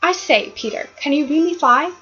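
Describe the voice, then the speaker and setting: Woman doing an excited little storybook boy, high voice, slightly dull recording. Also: moderate pace, soft background music. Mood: eager. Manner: eager, excited exclamations. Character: eager, practical young English boy.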